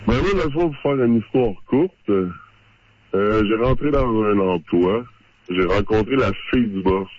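A man calling into a radio show to confess a secret, speaking through a voice modifier that lowers his pitch. He tells his story loosely and haltingly, with plenty of fillers. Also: noisy background. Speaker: radio call-in caller. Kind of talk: casual confessional phone chat. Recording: dull lo-fi phone line.

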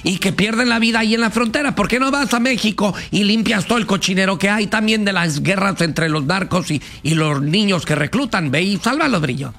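A man's voice: high voice, expressive, fairly quick, vocal fry, few pauses, fairly bright tone. A man hosting a call-in radio talk show, argumentative and pushing back hard on his co-host. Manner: pushy, argumentative, raises voice when challenging.

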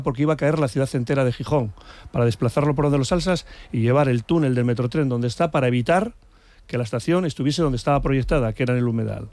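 This is a male panelist in a casual political debate, speaking with indignation and emphasis and repeating words to stress them. His mid-range voice is a little mellow, captured in a dry recording.

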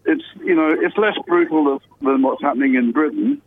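A man calling in to a radio show over a muffled, underwater-sounding hands-free phone line, talking in halting bursts full of fillers. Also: a little high, animated. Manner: halting, many fillers and restarts. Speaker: caller to a talk radio show. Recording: tinny muffled phone line with faint background noise.

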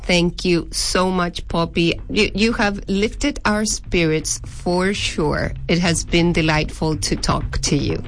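A woman with an Argentine Spanish accent, a restaurant owner speaking in an interview in a measured way with "eh" fillers. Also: lowish voice, steady tone, slight background noise.

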